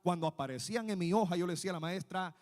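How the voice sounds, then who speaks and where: A man from Guatemala preaching a sermon as pastor, animated and speaking straight to his listeners as brothers. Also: high voice, rapid-fire, long reverb tail. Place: church sanctuary.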